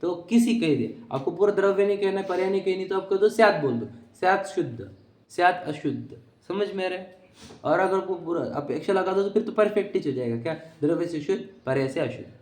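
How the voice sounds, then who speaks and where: Male lecturer, a touch high-pitched, explaining doctrine and checking that the class follows, in a roomy hall. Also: brisk, a little mellow. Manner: keeps checking that listeners follow. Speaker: teacher of Jain philosophy. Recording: echoey room.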